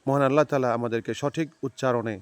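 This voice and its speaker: A man teaching careful recitation, repeating each word slowly and drawing out the sounds between explanations. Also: medium pitch, fairly even intonation, smooth, no room sound. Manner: slow, drawn-out model recitation between quick explanations. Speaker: religious teacher. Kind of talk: recitation lesson.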